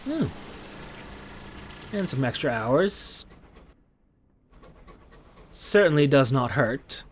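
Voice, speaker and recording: A game streamer with a medium-pitched, expressive voice plays a space exploration game in let's play commentary, thinking aloud with frequent hums and reading out the game's text. He draws out words, takes long pauses, and sounds a little strained because he's losing his voice, with slight background noise.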